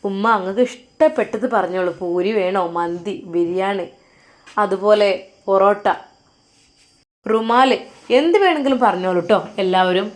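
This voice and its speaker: A woman with a Malappuram Malayalam accent voicing a practical, caring adult son, speaking briskly in a slightly lowered voice. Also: lightly acted. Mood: hospitable.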